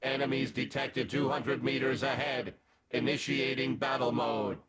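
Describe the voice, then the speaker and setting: A man whose voice is AI-converted to voice a boastful male battle robot with a metallic robot sound, announcing in flat mechanical tones. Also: medium pitch, measured pace, background noise. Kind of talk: AI voice demo clip.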